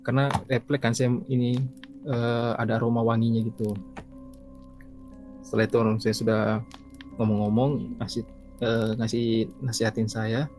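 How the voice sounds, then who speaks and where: Soft music sits under a young East Kalimantan man's casual, rambling telling of his own ghost encounter, in which he repeats himself and acts out talking with his mother. His medium-pitched, darkish voice stays level at a moderate pace, broken by long pauses.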